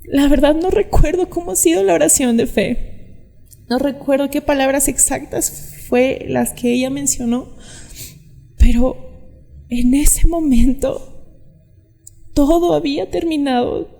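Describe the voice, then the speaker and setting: A woman's voice: sits high, a little slow, creaky, long pauses, mellow, big-room sound, soft background music. A young woman telling her personal story to camera outdoors, earnest and emotional, sometimes acting out what others said. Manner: earnest, acts out quoted voices. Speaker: vlogger sharing her testimony. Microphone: camera mic.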